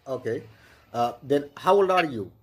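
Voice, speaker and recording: A man, practicing English in a halting, flattering way on a video call. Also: mid-range voice. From Bangladesh. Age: 20s. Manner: halting, repeats okay, flattering. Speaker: channel host practicing English. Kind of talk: casual chat.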